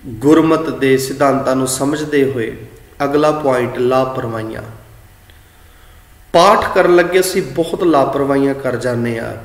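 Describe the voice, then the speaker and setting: Slow, deliberate Punjabi teacher in an echoey hall. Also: male voice, medium pitch. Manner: slow, deliberate, draws out words to show pronunciation; chants scripture lines in a sung tone. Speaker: Gurbani pronunciation teacher. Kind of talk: slow religious teaching talk. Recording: echoey room with long reverb.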